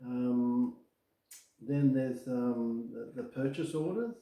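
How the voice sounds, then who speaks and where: A man's voice: mid-range voice, slow, warm tone. A man chatting casually as a trainee in an assessment, often repeating short affirmations. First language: Macedonian. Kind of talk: casual spoken assessment conversation. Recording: echoey room.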